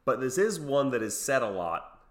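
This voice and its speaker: Brief: male podcast co-host, lively up-and-down delivery, jokey and laughing. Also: mid-range voice, moderate pace. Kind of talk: casual chat.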